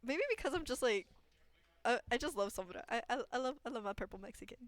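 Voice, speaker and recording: A young woman casually co-casting a college esports match, gushing and excitable, often stumbling and repeating words. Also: a little high, fast talker, no echo. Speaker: esports caster. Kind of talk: casual live commentary chat.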